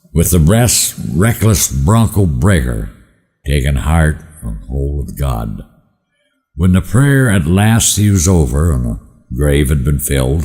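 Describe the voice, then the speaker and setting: Deep cowboy-drawl man reciting in a hall. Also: dark tone. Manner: halting, repeats words as he recites. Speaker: cowboy poet. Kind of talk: dramatic recitation of rhyming cowboy poetry. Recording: echoey hall with long reverb.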